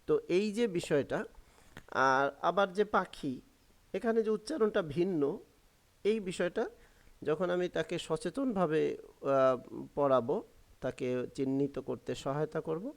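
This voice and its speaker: Gravelly man explaining a lesson. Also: fairly high pitch. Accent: Bangladeshi Bengali. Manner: halting, many fillers, spells out example words. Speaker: teacher trainer.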